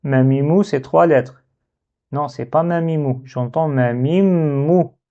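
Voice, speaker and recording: A man teaching a lesson on Arabic letters, slowly thinking aloud as he works through a dictation exercise. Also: a little high, steady tone, mellow. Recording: dull lo-fi sound.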